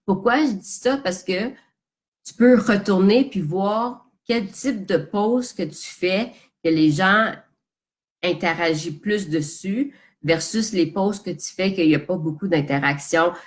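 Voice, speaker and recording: A business coach with a Quebec French accent gives a live social media coaching talk over a phone or webcam stream, speaking casually and directly to her audience and slipping English terms into her French. Her mid-range voice is unhurried.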